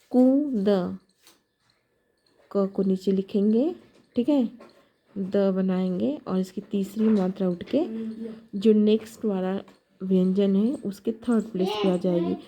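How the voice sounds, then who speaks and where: Slow, patient woman teaching. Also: mid-range voice, dark tone. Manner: slow, patient, repeats each letter aloud. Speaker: shorthand teacher. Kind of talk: step-by-step classroom explanation. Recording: dull lo-fi sound with faint noise.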